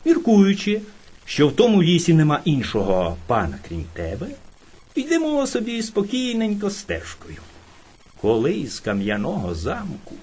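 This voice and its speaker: A timid little hare from a storybook flatters and schemes, as a woman puts him on. He bows and pleads with lively, rising and falling phrases. There is a slight husk in the voice. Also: low-pitched, moderate pace, breathy edge, exaggerated voice. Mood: sly. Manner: polite, fawning, sly.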